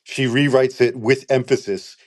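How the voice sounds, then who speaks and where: A man's voice: medium pitch, steady tone, moderate pace. A man co-hosting a podcast, talking casually and sarcastically about a court ruling, laughing often. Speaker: podcast co-host. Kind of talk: casual legal discussion.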